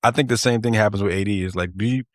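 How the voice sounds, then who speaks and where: A man co-hosting a casual sports podcast over a video call, animated and quick to laugh, often repeating himself. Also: fairly low pitch, no echo, studio quality. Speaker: podcast co-host.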